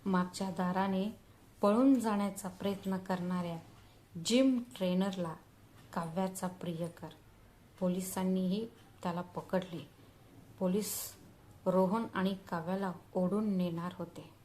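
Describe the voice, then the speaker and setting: A woman narrating a scripted family drama story as a channel storyteller, reading in a slow, deliberate, dramatic way. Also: fairly low pitch, fairly even intonation, a little mellow, slight background noise, poor audio.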